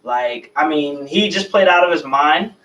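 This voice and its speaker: A man co-hosting a casual sports talk radio show, excitable and slangy, laughing easily. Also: on the high side, unhurried, reverberant, far from the mic, low-quality recording. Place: radio studio.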